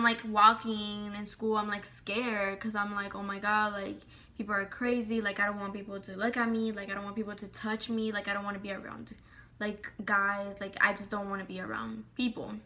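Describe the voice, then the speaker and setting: A woman vlogger telling a storytime in casual, profane, rapid speech, acting out the dialogue. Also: mid-range voice. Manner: profane, rapid, animated retelling with quoted dialogue.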